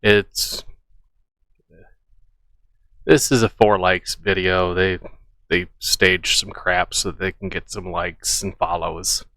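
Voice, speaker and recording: Slow, scoffing man reacting to a clip. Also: low voice, steady tone, pushed and bright, dry recording. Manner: scoffing, skeptical, repeats himself. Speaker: reaction channel host. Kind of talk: reaction commentary.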